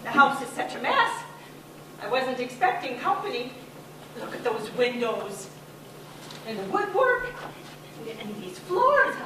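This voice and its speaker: A woman's voice: high-pitched, very animated, a little slow, long pauses, pushed and bright, slight background noise, heavily acted. An actress playing a confused mother fixated on cleaning, talking in a rambling, flustered way, recorded from far off on an echoing stage.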